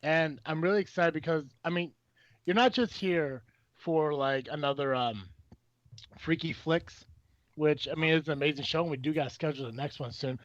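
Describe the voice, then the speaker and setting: Excitable rambling male podcast host. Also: fairly high pitch, normal speed, no room sound, dull audio. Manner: excited, rambling with many restarts and fillers. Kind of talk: casual podcast chat.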